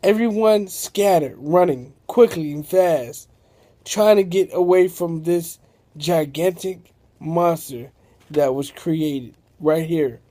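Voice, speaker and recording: A man tells an improvised tale at an unhurried pace. His voice is high for a man and mellow in tone, and he rambles and corrects himself as he goes. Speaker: storyteller. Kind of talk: improvised storytelling.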